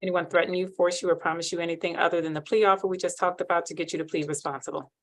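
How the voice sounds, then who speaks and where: A woman judge, heard on a courtroom recording, running a hearing in a brisk, formal way and reading procedure by rote. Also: lowish voice, flat delivery.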